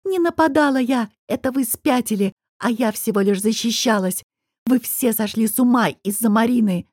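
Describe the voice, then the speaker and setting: A woman doing a tearful young female student mage, pitched high above her normal voice, sobbing and pleading, sliding into shrill accusations. The tone is warm and a little breathy, read close and dry for an audiobook. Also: normal speed, no echo. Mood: hysterical.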